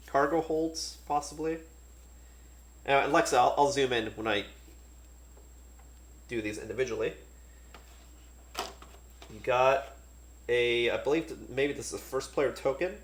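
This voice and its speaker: A man casually talking through a board game unboxing, relaxed and thinking aloud with many fillers. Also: mid-range voice, unhurried, pauses often, roomy sound.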